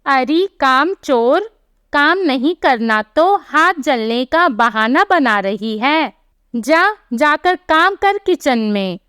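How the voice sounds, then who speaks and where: This is a bossy, taunting mother-in-law from a storybook tale, put on by a woman. She scolds harshly in a high voice. She speaks very slowly, close to a dry mic. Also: lively intonation, a bit bright, no room sound, heavily acted. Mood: scolding.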